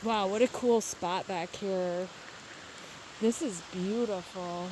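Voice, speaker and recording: Woman, mid-pitched, casual property tour guide talking while walking outdoors by a babbling creek, faint background noise. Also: takes it slowly. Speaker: real estate agent filming a property walkthrough. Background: outdoor ambience by a babbling creek.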